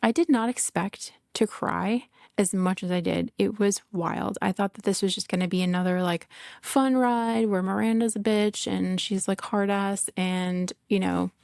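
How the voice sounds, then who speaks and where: A woman's voice: medium pitch, steady tone, moderate pace, vocal fry, darkish tone, no room sound, clean studio sound. A middle-aged woman hosting a podcast in casual solo talk, candid and emotional, laughing often and swearing, full of "like" fillers. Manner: emotional, confessional. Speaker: podcast host.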